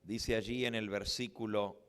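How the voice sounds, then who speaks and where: A man preaching a Bible study, reading scripture slowly and deliberately with rising emphasis. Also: lowish voice, fairly even intonation, fairly bright tone, smooth. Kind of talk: Bible teaching sermon.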